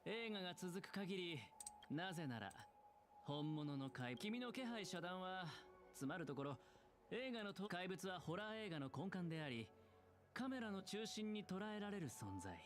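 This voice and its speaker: An actor playing a lively young male game character, with animated, rapid delivery. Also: high-pitched. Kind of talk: Japanese game voice acting.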